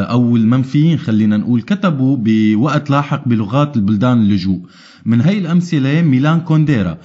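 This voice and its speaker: A man interviewing, putting a prepared question in a measured way with filler sounds. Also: mid-range voice, darkish tone, breathy edge. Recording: dull lo-fi sound.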